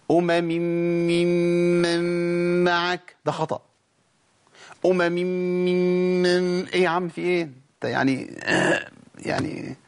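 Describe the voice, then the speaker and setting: A man with an Egyptian accent teaching tajweed on a TV show, lively, talking straight to the viewers and drawing out sounds slowly to demonstrate them. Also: a little high. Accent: Egyptian Arabic. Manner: lively explaining, addresses the audience directly. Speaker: Quran recitation teacher.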